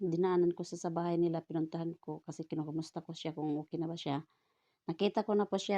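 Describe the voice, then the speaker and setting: A woman with a low, flat voice and a Filipino accent talks politely about her healing massages. She rambles and restarts, and her tone stays mellow and even. The recording sounds dull and lo-fi. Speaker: vlogger and folk massage healer. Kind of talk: casual testimonial vlog.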